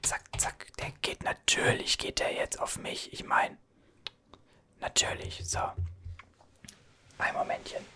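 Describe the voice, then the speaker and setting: A man's voice: slow pace, long pauses, sharp tone. A man whispering as a chatty, soothing gas station cashier in an ASMR roleplay, reassuring and rambling.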